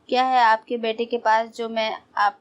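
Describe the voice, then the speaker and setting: A sharp-tongued middle-aged mother who needles and mocks, read by a woman narrating an audio novel. Her tone stays fairly high and level. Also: little pitch movement, smooth, close to an everyday voice. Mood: needling. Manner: needling, sarcastic.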